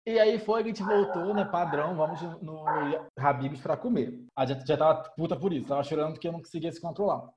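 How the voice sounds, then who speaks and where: A man, co-hosting a podcast and telling stories in a casual, animated way. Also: on the high side, fast, hardly any pauses. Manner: animated storyteller, mimics people he quotes. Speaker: podcast co-host. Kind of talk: casual storytelling chat. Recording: dull, slightly lo-fi sound.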